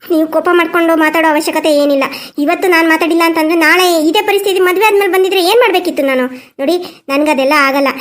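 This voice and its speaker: A woman voicing a headstrong, defiant young daughter in a cartoon who talks bluntly and dismissively. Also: very high voice. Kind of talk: cartoon voice acting.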